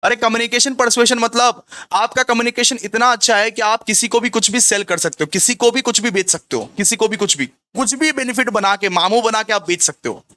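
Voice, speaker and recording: Male tutor, high and bright, repetitive question-and-answer revision style. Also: a little fast, few pauses, no echo. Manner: repetitive, asks the class rhetorical questions and answers them himself. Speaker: commerce tutor. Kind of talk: exam revision lecture.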